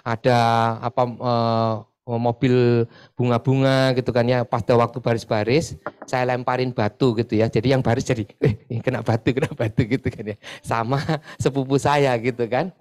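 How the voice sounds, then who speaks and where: A man from East Java talks casually to a church group, leading a sharing session. His pitch sits in a middling range, and he chats loosely, dropping little filler tags after almost every phrase. He gets lively when he retells stories. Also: normal speed, clear, resonant tone. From Pasuruan, East Java. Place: church meeting room.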